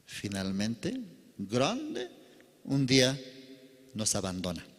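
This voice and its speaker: A man preaching a sermon, telling a parable dramatically, with sudden loud outbursts and quiet drops. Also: mid-range voice, huge pitch swings, slow pace, big-room sound. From Bolivia. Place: church service.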